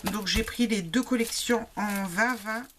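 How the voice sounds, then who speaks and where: A woman's voice: medium pitch, a little slow, a crowd in the background. A woman casually presenting craft supplies she bought, hesitant and full of fillers, apologizing now and then. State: married adult. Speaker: craft vlogger. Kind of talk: casual product haul chat.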